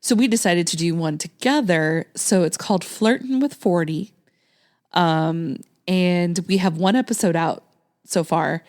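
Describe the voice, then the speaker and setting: In a casual conversation with her guest, a podcast host from Texas, late thirties, speaks a little slowly in a fairly low, slightly mellow voice. She laughs often and drops in plenty of ums.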